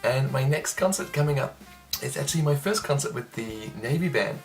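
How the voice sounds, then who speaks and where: A young man, a trumpet player casually answering interview questions in a relaxed, chatty way with frequent ums. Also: medium pitch, a little fast, gravelly, faint music behind. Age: young adult.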